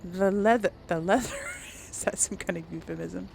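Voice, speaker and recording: As host and player of a casual game playthrough, a woman chats and ponders aloud while reading out dialogue choices in let's play commentary. She has a lowish, creaky voice with a darkish tone and a moderate pace, plus a little hiss or hum.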